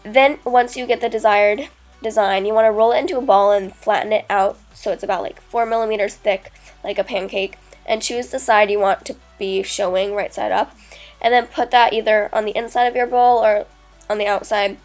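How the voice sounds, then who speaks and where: A woman's voice: mid-range voice, steady tone, moderate pace, soft background music. Casting: teen girl vlogger, congested from a cold, chatty and rambling, lots of 'like' and 'um'. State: stuffy nose from a cold. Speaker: DIY vlogger. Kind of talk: casual tutorial talk.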